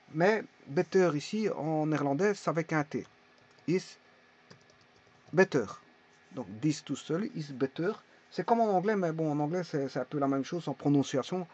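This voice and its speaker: Male teacher, husky and a bit high, halting explanations, dull lo-fi sound. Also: darkish tone. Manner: halting, many fillers and restarts. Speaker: language teacher. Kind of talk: casual explanatory lesson. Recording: dull lo-fi recording.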